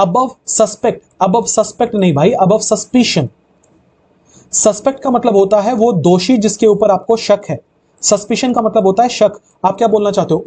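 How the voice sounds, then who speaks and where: A high-pitched, mellow, slightly husky man teaching an online grammar class. He moves quickly through his explanations and then slows right down to read each example sentence. He keeps asking his students questions and answering them himself. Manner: explains in fast Hindi, reads English sentences slowly. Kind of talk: live online grammar lecture.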